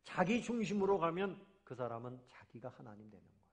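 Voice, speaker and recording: Emphatic male preacher with a higher voice. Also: very animated, fairly quick. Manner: emphatic preaching with sudden loud swells and soft drops; acts out dialogue voices of the sons and father. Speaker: pastor. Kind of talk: sermon.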